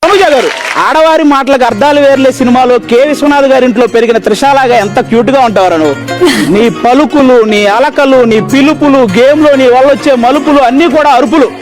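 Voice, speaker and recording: A man's voice: very high-pitched, quick pace. A man hosting a show, teasing a contestant in playful rhymes. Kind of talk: rhyming stage roast. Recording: loud music and crowd behind.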